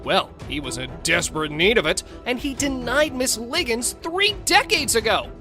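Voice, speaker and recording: Sassy, lively woman narrator over music. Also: on the high side, normal speed. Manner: sassy, theatrical. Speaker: narrator of a court show recap. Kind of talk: playful dramatic scripted narration with slangy asides.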